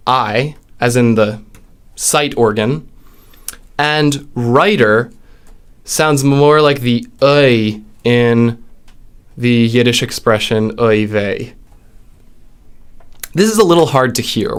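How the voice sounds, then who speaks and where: A man giving an explanatory lesson on speech sounds. He speaks deliberately and draws out example words and vowels to demonstrate them. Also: mid-range voice, smooth. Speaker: linguistics video host.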